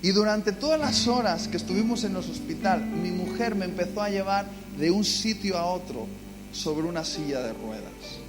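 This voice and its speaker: A man's voice: high-pitched, expressive, normal speed, over music. A man from the Basque Country preaching a live sermon in a church, telling stories dramatically and acting out cries of pain. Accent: Spanish. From Basque Country, Spain.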